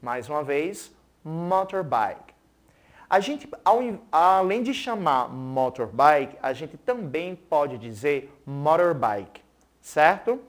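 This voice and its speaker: An English teacher giving a recorded school TV lesson, checking in with pupils often and saying words slowly for them to repeat. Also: mid-range voice, big pitch swings. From Pernambuco, Brazil. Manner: keeps checking in with "certo?" and "né?".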